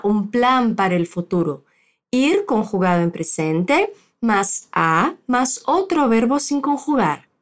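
A woman from Brazil teaching a spoken language lesson, slowing down to model phrases for the listener to repeat after her. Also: on the high side.

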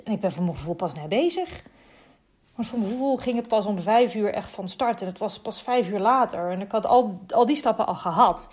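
A young woman calmly telling the story of giving birth, in a reflective, soft-spoken way. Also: medium pitch. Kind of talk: casual personal storytelling.

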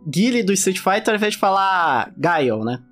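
A man hosting a podcast, asking relaxed, curious questions in casual conversation. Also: sits high, normal speed, faint music behind. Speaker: podcast host.

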